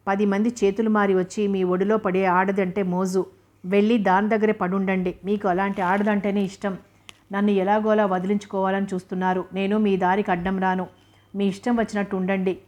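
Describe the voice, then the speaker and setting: Woman reader doing a wounded young wife in an audiobook, flat and bitter. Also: mid-range voice, fairly quick, close to an everyday voice. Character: young wife, hurt and accusing.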